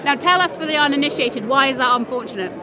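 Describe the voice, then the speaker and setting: A woman's voice: sits high, fast. A woman hosting a podcast, interviewing farmers at a busy meeting in a cheerful, chatty way. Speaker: podcast host. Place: busy farming union meeting venue. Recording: crowd chatter behind.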